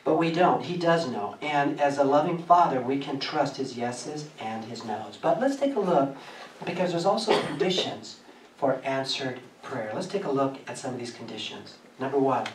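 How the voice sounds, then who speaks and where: A man preaching a sermon, telling a personal story in a lively way and often laughing as he speaks. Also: mid-range voice, normal speed, a little hiss or hum. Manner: animated, laughing through his story. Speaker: pastor. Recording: echoey church from a distance.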